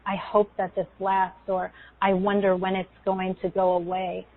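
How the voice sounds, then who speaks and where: A woman speaking in a soothing, unhurried way with pauses between phrases, as if leading a guided meditation. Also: mid-range voice, completely flat delivery, a little hiss or hum. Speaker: guest energy healer leading a guided meditation. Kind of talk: guided meditation and spiritual talk. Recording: tinny, phone-like call audio.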